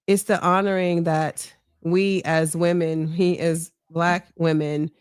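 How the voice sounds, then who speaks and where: With a lowish, smooth voice and flat delivery, this middle-aged mayoral candidate gives a candid interview in an earnest, reflective, measured way. Her voice is strong, she often checks in with "right?", and the recording is dry with clean studio sound.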